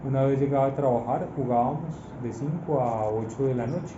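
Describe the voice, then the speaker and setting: A Colombian man in his forties answering interview questions about his childhood, pausing often with fillers. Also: medium pitch. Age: 40s. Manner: hesitant, many "eh" fillers. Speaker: interviewee, father. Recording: echoey room, muffled, noisy.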